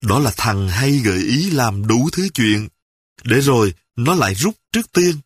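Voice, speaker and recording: A man's voice: mid-range voice, expressive, measured pace, slightly rough, no room sound, studio quality. A man voicing an irritable, scornful gang member. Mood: irritated.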